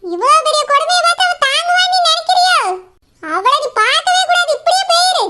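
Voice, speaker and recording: A woman's voice: very high voice, very animated, fairly quick, full character voice. A woman playing a furious middle-aged village mother, scolding with a Kanyakumari accent. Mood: enraged. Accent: Kanyakumari Tamil. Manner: shouting, accusing, scornful. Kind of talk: village web series acting.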